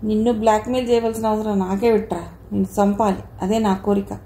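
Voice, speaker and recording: A woman's voice: medium pitch, little pitch movement, fast talker, warm tone, echoey room, slight background noise, lightly acted. Woman reading as a vengeful ghost. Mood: menacing. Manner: menacing, taunting. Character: vengeful spirit, menacing and cold.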